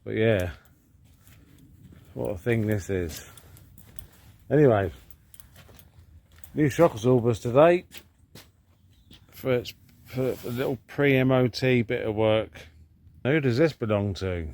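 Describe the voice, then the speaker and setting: The DIY car-repair vlogger, a British man, sounds animated yet slow here, his mid-range voice creaky and a little mellow, with frequent pauses. He casually thinks aloud, narrating his hands-on repairs in a rambling, matter-of-fact way.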